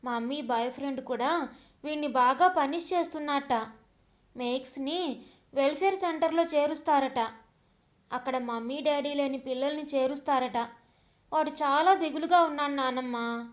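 A woman's voice: high voice, moderate pace, pauses often, close to an everyday voice. A woman playing a tearful little boy. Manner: pleading, sobbing child talk. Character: young boy, anxious, tearful grandson. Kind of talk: audio story reading.

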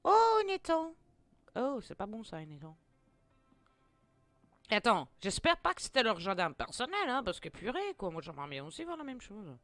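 A woman's voice: on the high side, moderate pace, dry recording, soft background music. A young woman giving let's play commentary with lots of exclamations, jokes and laughter. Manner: expressive, exclaiming, jokey, laughs often. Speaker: gaming video creator.

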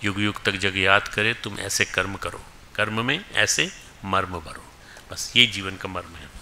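A man's voice: deep voice, measured pace, pushed and bright, slight background noise. A man giving an emphatic spiritual discourse to students, mixing in English phrases and calling people forward from the audience. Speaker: spiritual teacher.

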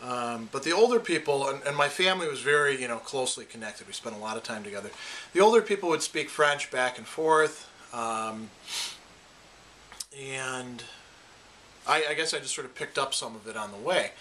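A philosophy lecturer from Wisconsin, USA, talks casually to camera about personal matters in an Upper Midwest American accent. His mid-range voice is a bit bright, with lively intonation at a normal speed, and he thoughtfully restarts phrases, repeating words. The recording carries a little hiss or hum.

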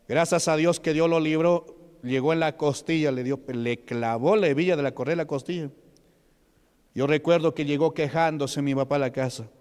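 Fervent Peruvian preacher in a reverberant hall. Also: male voice, fairly high pitch, darkish tone, smooth. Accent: Peruvian Spanish. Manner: fervent preaching with frequent interjections; slows and rises for emphasis. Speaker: pastor. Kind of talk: sermon. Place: church hall.

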